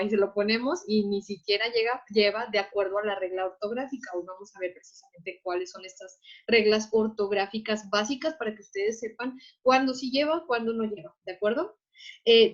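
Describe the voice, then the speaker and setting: A Mexican woman teaching a writing class, patiently explaining and often checking in with her students. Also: on the high side. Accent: Mexican Spanish. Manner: patient, repeats "¿de acuerdo?" to check understanding. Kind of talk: online class lecture. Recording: dull lo-fi online class audio.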